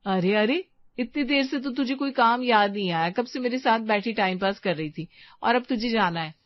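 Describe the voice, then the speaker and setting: A woman's voice: medium pitch, animated, normal speed, dry recording, lightly acted. A young married woman, kind but a little bossy, chattering through household chores in a cartoon story, as voiced by a woman. The recording is dry and somewhat dull and lo-fi, with no room sound.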